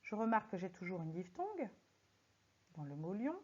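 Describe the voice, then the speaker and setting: Woman teacher, slow and deliberate, muffled audio. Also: medium pitch, very animated, mellow, husky. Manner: slow, deliberate, stressing syllables one by one. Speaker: French teacher. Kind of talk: recorded lesson correcting exercises.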